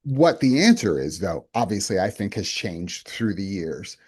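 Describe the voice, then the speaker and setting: A man speaking as a podcast guest in a fairly low voice. He sounds earnest and reflective, and he often restarts his sentences as he thinks aloud. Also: very animated, measured pace, darkish tone, slightly rough. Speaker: company president and guest. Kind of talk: casual interview chat.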